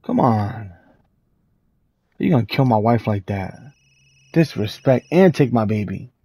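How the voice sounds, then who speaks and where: A man's voice: lowish voice, expressive, a little slow, warm tone, slightly rough, dull audio. A young man giving casual, slangy commentary while playing a horror game, jumpy and easily spooked. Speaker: gaming streamer. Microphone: headphones with mic.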